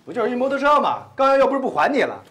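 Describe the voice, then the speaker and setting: A man's voice: extremely high pitch, wildly swooping pitch, fairly bright tone, exaggerated voice. A brash Beijing young man. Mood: casual. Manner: brash, needling, quick-talking. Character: bossy, teasing young man friend. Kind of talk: TV drama acting.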